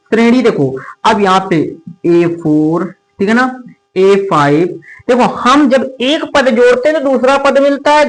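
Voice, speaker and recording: A man teaching a maths lesson, who keeps addressing students fondly and asking if the point is clear. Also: very high voice, poor audio. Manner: calls students "beta", checks understanding often.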